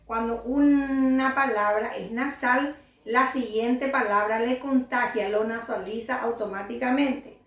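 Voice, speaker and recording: A woman teacher from Paraguay with a fairly high voice, talking at a slow, deliberate pace. She explains step by step, poses questions and answers them herself, and repeats each example. The room around her rings with echo. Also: steady tone, a bit bright. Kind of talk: classroom lesson.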